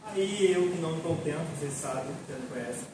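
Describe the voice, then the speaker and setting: A man with a Brazilian Portuguese accent playing a self-important, lonely doctor in a live solo stage monologue, telling his story in halting bits with asides to the audience. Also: on the high side, lightly acted. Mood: storytelling. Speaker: stage actor in a solo play. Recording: echoey theater sound from far off, with noise.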